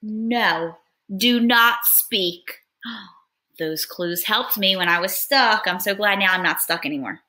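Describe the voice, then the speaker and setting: A woman's voice: lowish voice, a little slow, sharp tone. A young woman teacher reading a picture book aloud in a patient, step-by-step lesson, sounding out words.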